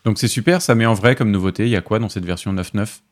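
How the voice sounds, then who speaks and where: A man's voice: fairly low pitch, fast talker. A man hosting a casual tech podcast, steering the talk with questions and teasing his co-hosts. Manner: joking, leads with questions. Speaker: podcast host and moderator.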